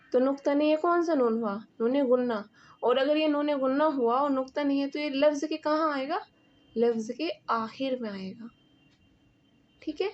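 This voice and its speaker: A woman's voice: high voice, darkish tone. A woman teaching an Urdu grammar lesson, explaining patiently, repeating examples and asking the viewer questions, with a Pakistani Urdu accent. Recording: dull lo-fi recording.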